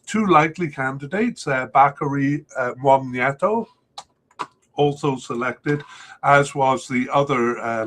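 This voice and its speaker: Bright-voiced man hosting a soccer podcast. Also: medium pitch. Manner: hesitant, many filler sounds. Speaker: podcast host. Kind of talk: solo soccer preview commentary.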